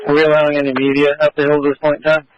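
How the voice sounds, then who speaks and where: A man's voice: on the high side, monotone, racing, no room sound. A man coordinating search traffic over a two-way radio, talking in a plain, practical way that cuts in and out with static bursts. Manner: plain, practical, repeats himself. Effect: dispatch radio with static bursts. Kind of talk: two-way radio dispatch talk. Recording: dull, dry two-way radio audio.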